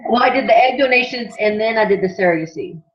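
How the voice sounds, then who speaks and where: A woman's voice: fairly high pitch, lively intonation, fast, distant mic. Matter-of-fact middle-aged woman, echoey muffled line. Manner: brief, matter-of-fact answers. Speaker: sitter in a reading. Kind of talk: casual chat.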